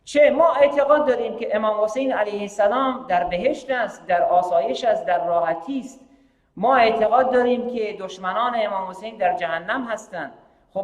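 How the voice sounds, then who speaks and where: A man with a high voice delivers a sermon in a hall with a long, ringing reverb. He builds his points with rhetorical questions and repeated phrases. Now and then he switches between Persian and English. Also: dull audio. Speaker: preacher hosting a live-streamed majlis. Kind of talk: sermon with announcements.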